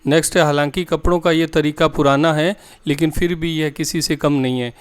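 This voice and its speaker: Clear-voiced teacher. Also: male voice, on the high side, fairly even intonation. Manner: reads each English example slowly twice; explains in Hindi, addresses students directly. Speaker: English teacher. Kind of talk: Hindi-medium English lesson.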